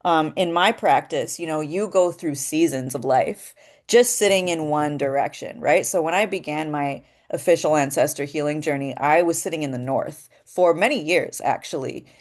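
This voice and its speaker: A woman with a fairly low voice teaches in a relaxed, conversational way. She talks her ideas through with a few "um"s and checks in with the listener as she goes. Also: moderate pace. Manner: explanatory and thoughtful, with frequent "um" and "right?". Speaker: voice acting teacher. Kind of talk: casual spoken lesson.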